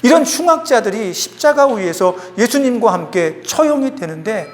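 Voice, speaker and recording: A man's voice: sits high, lively intonation, moderate pace. A male pastor preaching a sermon in a church, emphatic and acting out the quotes. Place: church sanctuary. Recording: long hall reverb.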